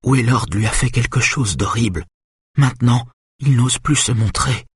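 A man's voice: medium pitch, normal speed, slightly rough, dry recording. A man voicing a frightened, sad teenage girl with a faint, small voice in an audiobook. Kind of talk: audiobook character voice.

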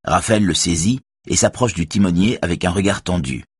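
A man narrating a thriller audiobook in a measured, even reading. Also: low voice, breathy edge, dry recording, clean studio sound.

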